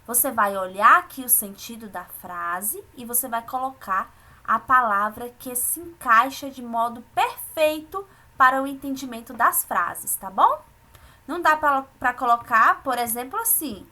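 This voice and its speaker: Brazilian woman teaching small kids remotely, patient and encouraging, a bright, slightly high voice. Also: lively intonation, unhurried. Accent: Brazilian Portuguese. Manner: patient, explaining step by step to children. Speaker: primary school teacher. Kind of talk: remote lesson for children.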